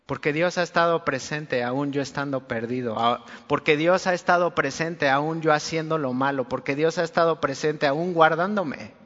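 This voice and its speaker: Male pastor, high voice, casual and earnest, long reverb on a dull lo-fi recording. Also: normal speed, few pauses, fairly bright tone. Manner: colloquial, earnest, addresses listener directly. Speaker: preacher. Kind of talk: conversational sermon.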